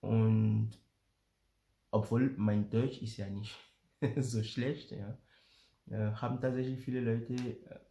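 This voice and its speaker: Calm and unhurried, a father from Benin describes family life to the camera in a casual, explanatory way, often pausing on fillers and repeating words while he searches for them. His voice is fairly low and creaky, and the recording sounds roomy.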